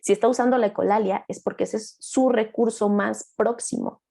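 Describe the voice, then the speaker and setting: A woman's voice: medium pitch, fairly even intonation, normal speed, vocal fry, warm tone. A young adult woman therapist giving an online master class, explaining patiently and acting out short lines of children and parents.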